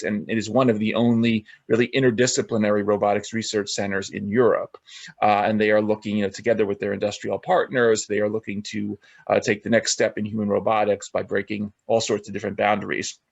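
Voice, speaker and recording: A man's voice: on the low side, vocal fry, no echo. A man hosting an interview podcast, introducing a guest with many filler uhs. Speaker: podcast host.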